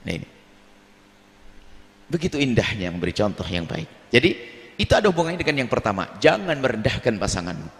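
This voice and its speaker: A man preaching a sermon on family life, animated, now and then acting out quarrelling relatives in a raised voice. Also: fairly quick, long pauses. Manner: animated, acts out quarrelling family members in a high voice. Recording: long hall reverb.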